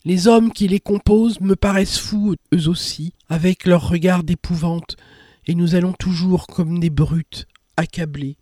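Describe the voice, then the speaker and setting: A man giving scripted documentary narration in a solemn, measured reading. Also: high-pitched, fairly even intonation, mellow, no echo, clean studio sound.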